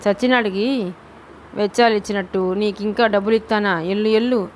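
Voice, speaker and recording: A woman voicing a greedy, harsh, sarcastic middle-aged father who speaks slowly in a rustic, mocking way. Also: medium pitch, steady tone, a little hiss or hum, lightly acted. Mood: scornful.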